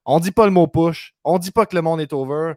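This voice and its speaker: A man's voice: on the high side, darkish tone, no echo, studio quality. A man with a Québécois French accent hosting a podcast, reeling off news items in casual chat. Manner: quick news rundown, lists words rapidly. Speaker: podcast host.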